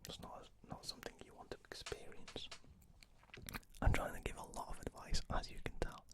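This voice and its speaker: A man speaking in a close, ear-to-ear unvoiced whisper, rambling casually for ASMR with hesitant asides. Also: brisk. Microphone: close ear-to-ear ASMR microphone.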